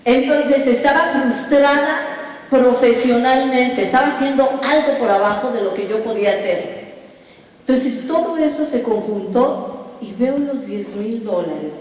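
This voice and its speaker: A woman tells her own story from a stage, lively and quick to laugh at herself. Her voice sits a little high. It rings through a big echoing hall from a distant mic, with a faint hiss underneath. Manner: animated, self-mocking storytelling. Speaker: speaker at a business event. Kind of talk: personal story told on stage.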